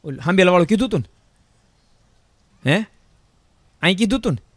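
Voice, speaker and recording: A man giving a religious discourse, telling a parable in an animated way and repeating phrases for emphasis. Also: high-pitched, a little fast, no echo. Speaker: preacher.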